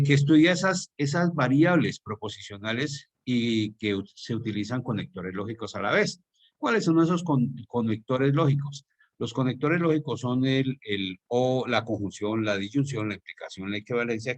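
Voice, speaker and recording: A man with a Colombian Spanish accent teaching a class over a video call. He explains each idea step by step and keeps putting questions to his students. His voice sits in a middle register. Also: medium pitch. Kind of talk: online class lecture.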